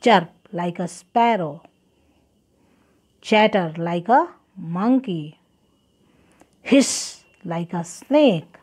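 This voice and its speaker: Slow-spoken woman teacher. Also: lowish voice, lively intonation, a little mellow, breathy edge. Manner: slow, spelling words letter by letter. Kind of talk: children's English lesson.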